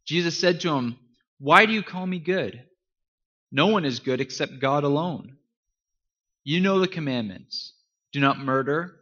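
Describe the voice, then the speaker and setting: An earnest male pastor preaching with emphatic, forceful delivery and a fairly high voice. He leans into key phrases and lets dramatic pauses land. The recording sounds slightly muffled. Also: lively intonation. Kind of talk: sermon.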